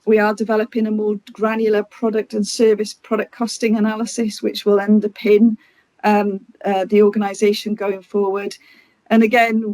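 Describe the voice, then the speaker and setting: A woman giving a formal corporate presentation to a committee, often halting and restarting her words. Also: mid-range voice, darkish tone, no room sound.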